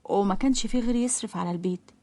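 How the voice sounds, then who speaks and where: A proud, poor young Egyptian woman who sells tissues on the street, voiced by a woman. She speaks modestly and plainly, quickly, in a mid-pitched voice. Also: dark tone, close to an everyday voice.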